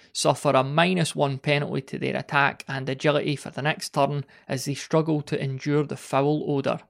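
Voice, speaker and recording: Gravelly man musing on a podcast. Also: a little high. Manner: rambling, self-interrupting, wry asides. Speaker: podcast host. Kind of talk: casual solo podcast talk.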